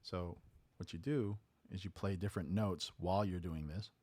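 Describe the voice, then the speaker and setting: A man's voice: low-pitched, normal speed, breathy edge. A man casually teaching a talk box technique step by step, checking in with "right?" as he goes. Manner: relaxed, explains step by step with "right?". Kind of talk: casual studio tutorial. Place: home music studio.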